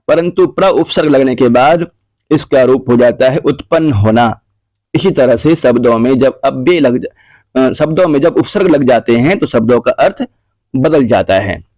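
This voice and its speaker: Slow, dry-voiced male teacher. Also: medium pitch, mellow, dry recording. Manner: slow, repetitive dictation of exercise answers. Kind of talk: classroom grammar lesson.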